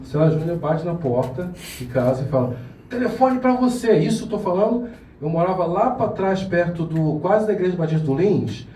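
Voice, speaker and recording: A man tells a story to a small gathered audience, laughing as he goes and slipping into the voices of the people he quotes. His voice is mellow and sits on the higher side for a man. He is picked up from across an echoey room, with a faint hiss underneath. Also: lively intonation, a little fast. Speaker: pianist. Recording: echoey room, mic at a distance.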